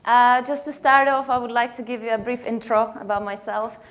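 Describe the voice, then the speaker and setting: A woman's voice: fairly high pitch, flat delivery, a little fast. A young woman from the Czech Republic with a Czech accent, giving a conference presentation with many fillers and restarts. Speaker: conference speaker. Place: conference hall.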